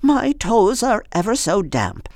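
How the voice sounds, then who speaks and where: A reader voicing an eccentric, cheerful, bossy very old woman in a high, fussing storybook voice. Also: huge pitch swings, slow pace, vocal fry, a little mellow, no room sound, clean studio sound, full character voice. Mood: chirpy.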